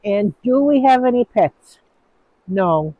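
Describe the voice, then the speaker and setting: Standing outside in falling snow, a Newfoundland woman talks casually to her phone and works through viewer questions with a meandering, unsure delivery. Her pitch is medium, her intonation lively, and she speaks slowly. The audio is dry, narrow and tinny, and her accent is Newfoundland English from Canada.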